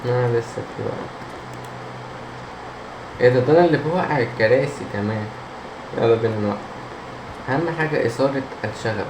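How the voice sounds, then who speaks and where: A man's voice: medium pitch, fairly quick, pauses often. A man with an Egyptian Arabic accent giving casual horror game commentary, jumpy, muttering to himself and talking back to the game's characters. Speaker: gamer, let's player. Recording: roomy echo, steady background hum and noise.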